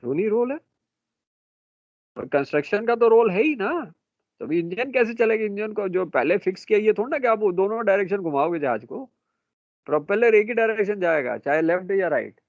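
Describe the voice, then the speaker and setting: A middle-aged marine engineering teacher with a high-pitched voice gives a brisk, expressive classroom lecture. He fires questions at his students and calls them beta and bhai. The audio has no echo and sounds dry and tinny, like a phone line.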